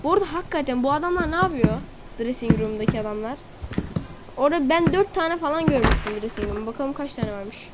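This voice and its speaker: A woman's voice: high voice, expressive, fast talker. A woman doing let's play commentary who reads game dialogue aloud and has exasperated outbursts. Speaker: gamer. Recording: loud background noise.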